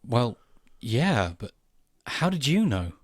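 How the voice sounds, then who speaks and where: A husky young actor. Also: male voice, medium pitch, very animated, takes it slowly, dry recording, clean studio sound, exaggerated voice. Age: young adult. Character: eager young aspiring actor man. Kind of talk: comedy radio sketch acting.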